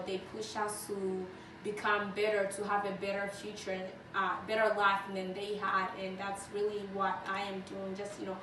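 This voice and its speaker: A young woman in her twenties who grew up in Tanzania, giving earnest interview answers with many fillers. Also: medium pitch. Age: 20s. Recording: echoey room, distant mic, noisy.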